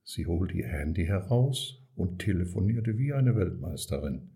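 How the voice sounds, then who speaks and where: A man reading a children's story aloud as narrator, calm and measured. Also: low-pitched.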